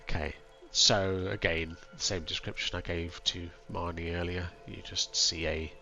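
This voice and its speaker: A man's voice: sits low, flat delivery, a little slow, gravelly, sharp tone. A man casually narrating a tabletop game as game master, with music behind him.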